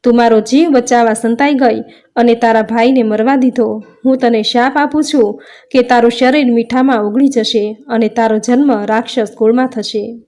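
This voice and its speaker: Goddess mother, read by a woman, reproachful, pleading, devotional storybook, slightly high voice. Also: steady tone, normal speed, warm tone, close to an everyday voice. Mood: stern. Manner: pleading then stern in reproach. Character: grieving, indignant goddess mother.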